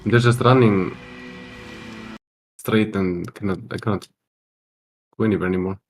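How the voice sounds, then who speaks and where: A man's voice: lowish voice, fairly even intonation, normal speed. A man chatting casually while playing a video game, blunt and grumbling about bugs. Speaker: gamer. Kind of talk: casual gaming chat. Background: game music.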